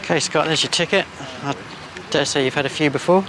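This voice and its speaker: A man's voice: on the high side, fast, crowd noise. A man with a broad New Zealand accent, talking casually and matter-of-factly as a police officer on the job. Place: on the street and in a patrol car. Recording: noisy outdoor street and vehicle sound.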